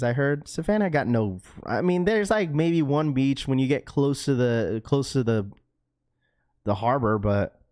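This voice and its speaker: Clean studio sound with no room noise carries a fairly low, slightly mellow, clear and resonant male voice. He's a relaxed livestream host from Washington state, US, reading chat and chatting with viewers in talk full of "bro", "dude" and "like"; young adult to middle-aged, he has a school-age daughter.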